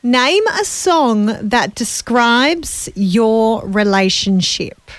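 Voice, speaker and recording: A woman co-hosts a radio show, giggling as she draws out quiz questions. She speaks slowly with a slightly high voice. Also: lively intonation, dry recording. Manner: giggly, drawn-out quiz host delivery. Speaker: radio co-host. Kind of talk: breakfast radio banter. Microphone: studio microphone.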